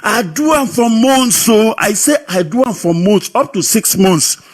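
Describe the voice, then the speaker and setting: A man with a Nigerian Pidgin accent telling his personal story in a lively, sing-song way, heard over a radio broadcast. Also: high voice, unhurried. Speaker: radio caller. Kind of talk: personal testimony.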